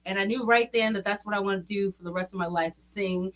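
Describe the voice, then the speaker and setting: A woman from Baton Rouge, an R&B singer chatting as a guest in a relaxed way with many fillers. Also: mid-range voice, fast talker. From Baton Rouge, Louisiana. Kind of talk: casual interview chat.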